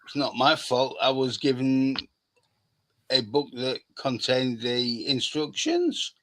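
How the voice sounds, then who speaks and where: A man's voice: mid-range voice, sing-song, slow pace, a bit bright, rough recording. A man with a Yorkshire accent in casual chat, dry and brief in his remarks, talking over a remote call. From East Yorkshire, England. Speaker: podcast co-host. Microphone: remote call setup.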